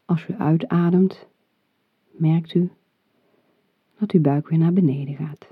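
Breathy, very slow relaxation guide, phone-like sound. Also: mid-range voice. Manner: calm, soothing, measured instruction. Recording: muffled phone-like audio, roomy echo.

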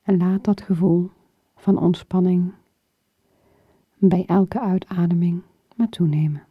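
A woman guiding a muscle relaxation exercise in short, soothing phrases, her soft breathy voice often falling toward a whisper. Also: fairly low pitch, steady tone. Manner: slow, soothing, with pauses between short phrases. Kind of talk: guided muscle relaxation instruction. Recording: dull lo-fi recording with room echo.

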